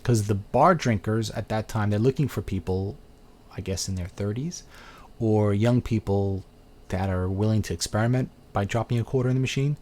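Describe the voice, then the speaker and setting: A middle-aged host from Brooklyn, New York accent intact, answers viewer questions during a casual live webcam chat. His voice is on the low side with a darkish tone, at a moderate pace. He's chatty and wandering, thinking aloud and filling pauses with fillers.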